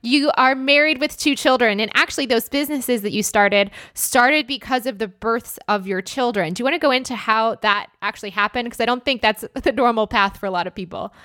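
A woman's voice: on the high side, a little fast, few pauses, fairly bright tone, no echo, clean studio sound. A woman hosting a podcast, introducing her show and guest with gushing enthusiasm. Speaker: podcast host. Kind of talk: upbeat podcast intro and interview.

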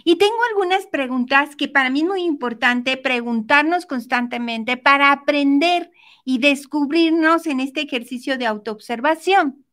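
A woman giving a motivational self-help talk, speaking gently and directly to the listener. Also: high-pitched, normal speed.

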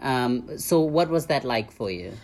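Slow, low-voiced woman hosting a podcast. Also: lively intonation, a little mellow. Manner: leading questions, laughs along. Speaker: podcast host. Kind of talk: casual interview chat.

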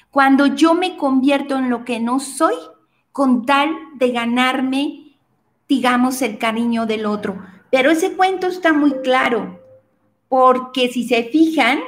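A woman telling a fable in an expressive way, speaking directly to her listeners and drawing a moral lesson from it. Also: high voice. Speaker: speaker, storyteller.

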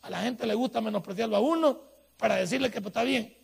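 A man preaching a sermon with a Salvadoran accent, talking in a colloquial, animated way with sudden loud bursts. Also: high voice, quick pace, gravelly, slight background noise. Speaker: pastor.

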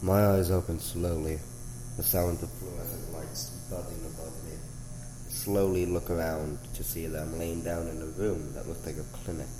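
A man narrating an audio drama in first person, hushed and tense, stammering when frightened. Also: deep voice, flat delivery, moderate pace, noisy background. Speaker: narrator and lead actor.

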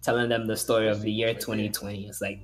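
Young guy w a lowish voice chatting upbeat on a podcast, faint music behind. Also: little pitch movement, fast. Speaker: podcast co-host. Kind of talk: casual chat.

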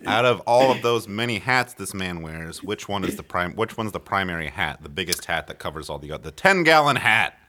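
A man co-hosting a comedy podcast, chatting jokily and getting excited as he guesses. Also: sits low. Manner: excitable, jokey, quick to crack up. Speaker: podcast co-host guessing the guest. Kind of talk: casual comedic chat.

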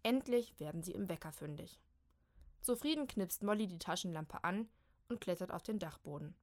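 A woman narrating a children's storybook with a lively, expressive reading. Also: on the low side, moderate pace.

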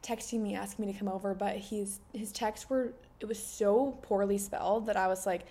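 A woman in her twenties co-hosting a podcast, chatting casually with a wry manner and chiming in quickly. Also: medium pitch, steady tone, mellow. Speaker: podcast co-host. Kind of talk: casual chat.

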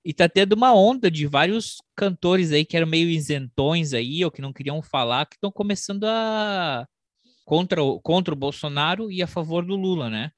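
Halting man in casual political chat. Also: on the high side, lively intonation, no echo. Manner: halting, many restarts and repeated words. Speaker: podcast co-host.

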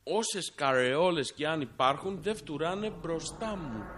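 A man's voice: fairly high pitch, animated, fairly bright tone. A man co-hosting a podcast, reading listener messages aloud with a patient, dry manner in casual banter. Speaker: podcast co-host. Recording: faint music underneath.

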